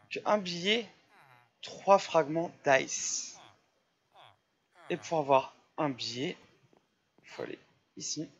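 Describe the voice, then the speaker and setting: A man's voice: medium pitch, a bit bright, dull audio. Chatty man narrating his gameplay. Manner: chatty, explains step by step with many fillers. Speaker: Minecraft server YouTuber. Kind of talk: casual gameplay commentary.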